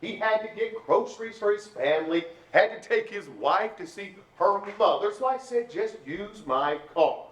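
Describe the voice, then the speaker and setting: A jovial, apologetic pastor husband in a radio drama, his pitch swinging widely. He sounds a little off mic in an echoey room. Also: lively intonation, normal speed, hardly any pauses, a bit bright, far from the mic. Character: forgetful, cheerful male pastor husband.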